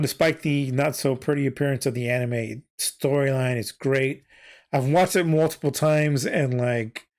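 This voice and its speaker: A man in the middle range of pitch talks loosely into a desk mic, wandering through his thoughts with fillers and restarts. His voice is wearing thin from talking so long. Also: darkish tone. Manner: rambling, many fillers and self-corrections. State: losing his voice. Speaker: podcast host and VTuber. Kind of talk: casual solo podcast chat.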